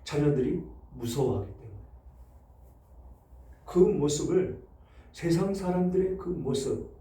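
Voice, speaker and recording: Male pastor, emphatic sermon delivery, higher voice, echoey church recording. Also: unhurried. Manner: emphatic preaching with sharp swings in loudness. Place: church sanctuary. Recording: echoey church hall, mic set far off.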